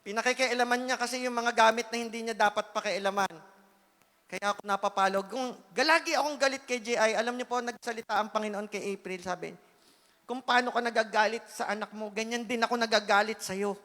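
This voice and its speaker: A man giving an earnest, emotional sermon testimony, swinging between loud pleading and hushed asides. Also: high voice, fairly even intonation, fairly quick. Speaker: church speaker giving testimony. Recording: reverberant church hall.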